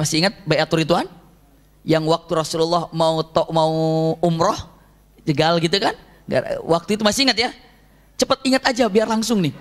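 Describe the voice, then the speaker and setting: A male Islamic preacher, telling a story in a religious lecture, animated and asking his listeners questions. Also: high-pitched. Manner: animated, acts out shouted quotes, asks the audience questions.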